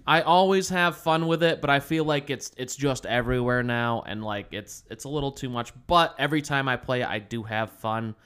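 A man co-hosting a laid-back podcast. His voice is bright and crisp, and he talks in a loose, rambling way, laughing often. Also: medium pitch, normal speed, few pauses. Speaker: podcast co-host. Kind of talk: casual chat.

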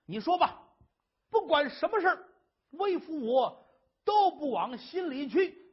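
A man's voice: extremely high pitch, very animated, unhurried, lo-fi sound, pitched above the performer's own voice, full character voice. A man voicing a worried husband who coaxes his wife to explain, in an earnest way. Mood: coaxing. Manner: coaxing, earnest. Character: worried doting husband, a scholar, boastful.

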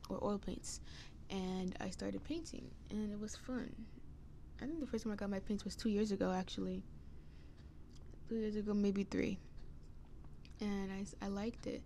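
A young adult woman hosts a podcast alone, rambling casually in a hesitant, wandering way. Her mid-range voice is scratchy and dark, with vocal fry. There's noticeable noise in the background.

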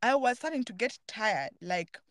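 A woman's voice: fairly high pitch, expressive, normal speed, fairly bright tone, no echo. A woman hosting a podcast, talking earnestly and thoughtfully in a casual, reflective chat while searching for her words. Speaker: podcast host.

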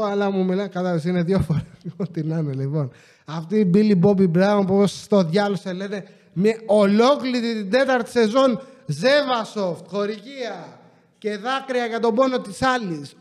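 A man's voice: high-pitched, a little mellow, in a large hall. A man hosting a podcast, ranting in a casual, sarcastic way and swearing often. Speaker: podcast host. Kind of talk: casual comedic rant.

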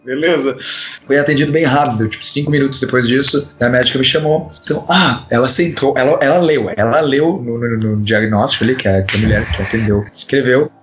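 A man with a Brazilian Portuguese accent telling a funny personal story in casual chat, animated and acting out the people in it. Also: medium pitch, brisk. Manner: animated, acts out quoted voices.

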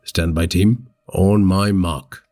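A man's voice: low-pitched, fairly even intonation, slow pace, a little mellow, voice pushed down. A man voicing a confident male police inspector in his thirties, giving terse commands over the radio. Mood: commanding.

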